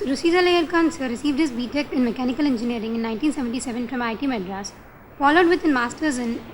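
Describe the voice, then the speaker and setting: High-pitched, quick woman with Indian accent. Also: slight background noise, low-quality recording. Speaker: event presenter introducing a speaker. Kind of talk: formal scripted introduction, read out.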